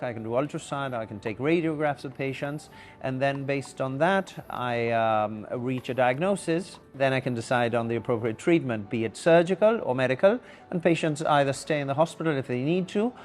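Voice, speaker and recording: Argentine-raised vet, measured interview voice. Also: male voice, mid-range voice, darkish tone. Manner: measured, explanatory with fillers. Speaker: equine veterinarian. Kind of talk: documentary interview.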